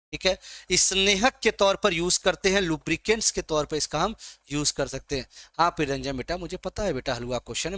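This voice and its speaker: Man, teacher, high voice, dry close sound, coaxing and teasing students, live online class. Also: sharp tone, no room sound.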